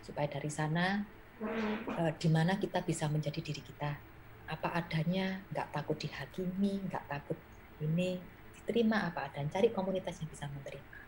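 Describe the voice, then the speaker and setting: A woman's voice: low voice, fairly quick, darkish tone. A woman evangelist, chatting casually and acting out quoted conversations. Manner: acts out quoted dialogue with children and parents. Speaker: evangelist guest speaker. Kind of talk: casual talk show conversation. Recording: noisy background.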